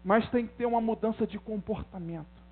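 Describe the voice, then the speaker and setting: High-voiced preacher over a tinny line. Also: male voice, fairly quick. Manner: conversational preaching, rising to fervent emphasis. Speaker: pastor. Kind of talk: sermon. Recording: tinny phone-like sound with mains hum.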